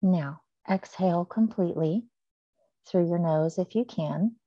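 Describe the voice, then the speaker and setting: A woman leading a guided breathing meditation, speaking slowly and softly with long pauses. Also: fairly low pitch, dry recording, dull audio. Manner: slow, soft and soothing with long pauses.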